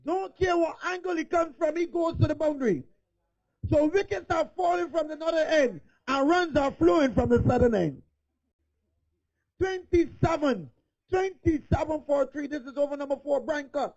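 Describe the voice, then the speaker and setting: A man giving live cricket play-by-play, excitable and rising to shouts on big hits, heard on a dull lo-fi recording. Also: very high-pitched, normal speed. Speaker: cricket commentator.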